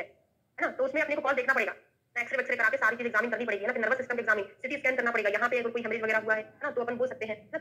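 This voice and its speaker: A woman's voice: on the high side, bright, forceful tone, poor audio. A woman teaching a classroom lecture on Ayurveda, reciting Sanskrit verses and quizzing students with frequent tag questions.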